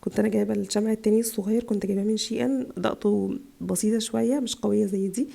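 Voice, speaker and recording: Very fast, gravelly Egyptian woman with a cold. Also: mid-range voice, steady tone, mellow. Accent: Egyptian Arabic. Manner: chatty, gushing over items. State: tired voice from a chest cold. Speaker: vlogger, mother. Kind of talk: casual haul video. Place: home in Italy.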